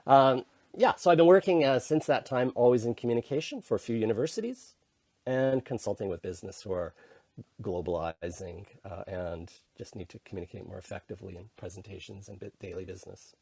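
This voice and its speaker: A middle-aged Canadian man, a guest on a podcast who works as an intercultural communication consultant, casually recounts his own story and keeps restarting his sentences. His voice sits on the low side, gravelly and slightly rough with a darkish tone, and he talks a little fast. The interview is relaxed and conversational, with no echo.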